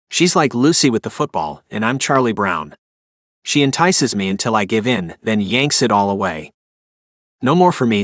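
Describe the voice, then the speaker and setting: A man's voice: medium pitch, fairly bright tone, no room sound, studio quality. A man narrating a first-person romance audiobook with an emotive, inner-monologue delivery.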